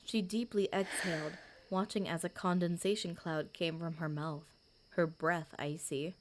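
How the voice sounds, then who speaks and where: A woman narrating a fan-written story chapter with a steady, gentle delivery. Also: on the low side, measured pace, slight background noise.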